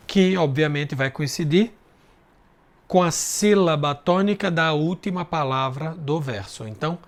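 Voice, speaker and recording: A male teacher from Brazil giving a literature lesson, slowly sounding out verse syllable by syllable and checking in with his students as he goes. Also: sits high. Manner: slow and patient, drawing out syllables while counting; checks in with tag questions.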